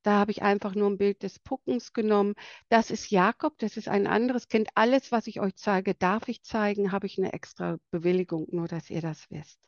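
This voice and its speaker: A woman with a light, bright voice giving an earnest presentation about palliative care for children, pausing now and then to search for words. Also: mid-range voice, steady tone, no echo, dull audio. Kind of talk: presentation to an audience.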